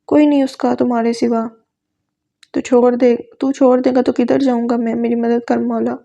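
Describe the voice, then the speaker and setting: Brief: a woman voicing an anguished young man praying in fear, dark tone. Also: on the high side, flat delivery, gravelly. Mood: anxious. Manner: pleading, desperate.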